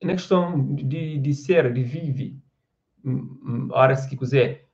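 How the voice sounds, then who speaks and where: A man hosts a live stream and chats with viewers in a rambling way, restarting his sentences and checking that they follow him. His voice sits at an ordinary middle pitch. The stream audio is a little dull. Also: slow pace, darkish tone. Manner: rambling, with restarts and frequent "você entende?". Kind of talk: casual live chat reading viewer comments.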